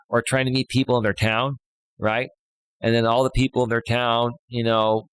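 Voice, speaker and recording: A loud man in his thirties, a life coach, hosts a live stream and chats loosely with viewers, reading chat posts and filling his talk with fillers and "right?" tags. His pitch is ordinary mid-range. He is close on a studio dynamic mic in a dry space with no room sound, though the audio is poor.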